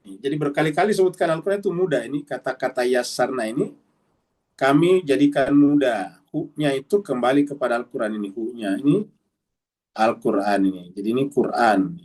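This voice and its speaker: A man teaching a Quran study session, explaining slowly with frequent checks and drawn-out recited Arabic phrases. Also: medium pitch, darkish tone. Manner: points to the text while teaching. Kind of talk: mosque study sermon. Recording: voice a bit far from the mic.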